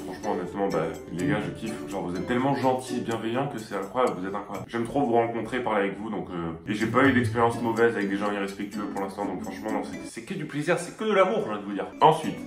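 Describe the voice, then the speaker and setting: Young male YouTuber, fairly deep voice, laid-back chatty delivery, roomy echo with faint music behind. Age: 20s. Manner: chatty and relaxed, addresses viewers directly. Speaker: YouTuber answering fan questions. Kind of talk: casual chat.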